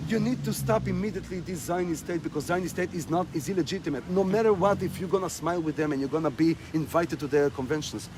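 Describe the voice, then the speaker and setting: On a rainy street, a man gives an interview at a fast clip, his pitch fairly high and his pauses few. He stresses his points forcefully and says them again and again, as traffic and street sounds fill the background.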